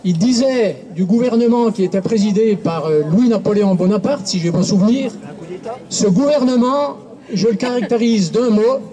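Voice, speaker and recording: A man's voice: sits high, normal speed, dark tone. A man speaking at an outdoor protest rally, orating formally and quoting writers. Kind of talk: speech at a street rally.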